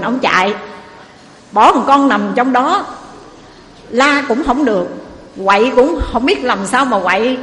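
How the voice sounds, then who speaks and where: A woman preacher tells a moral tale in a lively way, turning often to her listeners. Her voice sits a bit high and rings with the long reverb of a large hall. A faint noise stays in the background. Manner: lively storyteller, addresses the audience often. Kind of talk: moral storytelling sermon.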